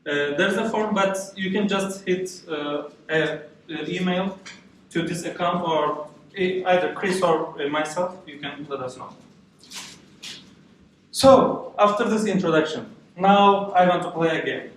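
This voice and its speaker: A man's voice: sits high, measured pace, a little hiss or hum. A man from Turkey gives a friendly live meetup talk with many uh fillers, often checking in with okay and right. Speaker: meetup speaker and organizer. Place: event room with audience. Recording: echoey room from far off.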